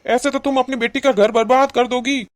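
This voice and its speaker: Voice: high voice, fairly even intonation, brisk, lightly acted. A voice actor playing an older cartoon father who patiently reasons with his wife. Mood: alarmed. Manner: patient, persuasive lecturing. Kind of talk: cartoon voice acting.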